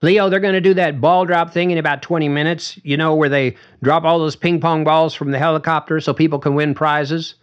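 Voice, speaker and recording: A man's voice: a little high, steady tone, fairly quick, hardly any pauses, smooth, muffled recording, pitched above the performer's own voice, close to an everyday voice. A man reading aloud who voices a chatty, pushy adult woman in an offhand, rambling way. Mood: breezy. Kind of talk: audiobook character voice.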